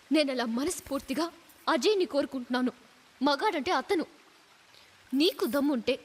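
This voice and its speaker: A fierce, defiant young captive bride. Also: female voice, high voice. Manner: firm, defiant, cutting. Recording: film soundtrack, reverberant, faint music.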